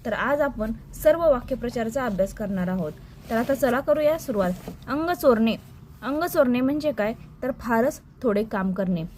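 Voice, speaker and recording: A woman teacher reciting a list of idioms and their meanings in a slow, dictation-like way for exam preparation. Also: a little high, expressive, darkish tone, a little hiss or hum.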